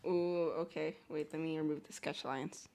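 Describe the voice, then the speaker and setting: Over very noisy audio, a woman with a low, steady voice talks at a moderate pace during a drawing livestream. The chat is casual and meandering, and she reads viewers' questions aloud.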